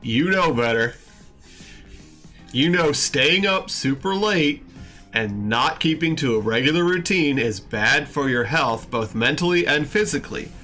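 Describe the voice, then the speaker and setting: A man's voice: fairly high pitch, lively intonation, normal speed, bright, forceful tone, faint music behind. A man streamer in casual chat, joking and slipping into mock-stern scolding.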